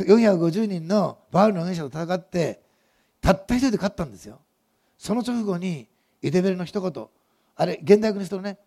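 A man's voice: high voice, vocal fry, dark tone, husky. A male pastor preaching a sermon, telling the story vividly and asking the congregation questions as he goes.

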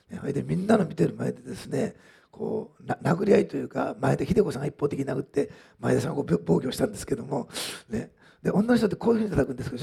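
A man's voice: fairly high pitch, creaky, warm tone, slightly rough. A man preaching a sermon in a conversational way, with frequent asides and fillers as he tells a testimony. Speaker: pastor.

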